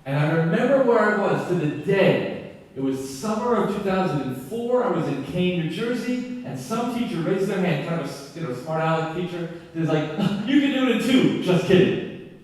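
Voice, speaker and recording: A man giving an enthusiastic, animated conference keynote, acting out classroom exchanges as he teaches. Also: high voice, moderate pace. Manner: animated, enthusiastic, acts out dialogue. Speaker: keynote speaker. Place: lecture hall. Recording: echoey hall from far off.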